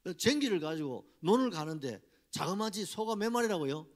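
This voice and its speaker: Animated pastor preaching. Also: male voice, high-pitched, normal speed. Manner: animated preaching with rhetorical questions to the congregation. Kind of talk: Sunday sermon. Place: church sanctuary.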